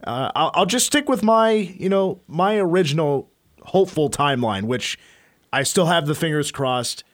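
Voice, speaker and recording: A man's voice: on the high side, lively intonation, moderate pace, no room sound. American guy doing sports radio, chatty with punchy promo reads, dry close studio sound. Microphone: close studio mic.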